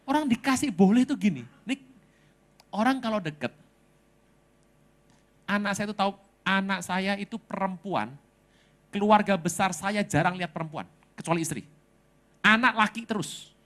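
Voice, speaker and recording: Lively storytelling male pastor. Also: high voice, normal speed, pauses often. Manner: lively storytelling with humor and dramatic swings. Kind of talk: sermon.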